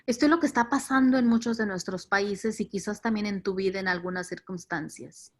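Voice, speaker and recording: A woman's voice: mid-range voice, a little fast. A woman with a Latin American Spanish accent leading a virtual faith formation talk, reflective, repeating words and stressing key ideas. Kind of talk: virtual teaching reflection on scripture.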